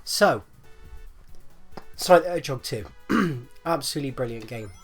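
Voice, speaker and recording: Expressive and mid-range, this gaming video host speaks at normal speed with a breathy edge while faint music plays behind him. Still phlegmy and getting over flu, his chest sounds rattly and congested, and his casual gameplay commentary rambles, hesitates, and repeats.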